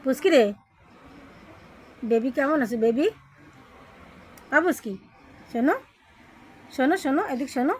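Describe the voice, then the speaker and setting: A woman's voice: high voice, lively intonation, a little slow, long pauses, poor audio. A woman vlogger coaxing a pet to eat in cooing, singsong baby talk, with lots of endearing repetition.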